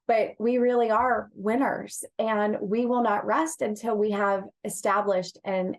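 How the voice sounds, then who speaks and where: A woman's voice: mid-range voice, darkish tone. Earnest woman giving interview answers. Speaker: interview guest, executive search partner and HR director. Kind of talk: interview answers, promotional talk about work.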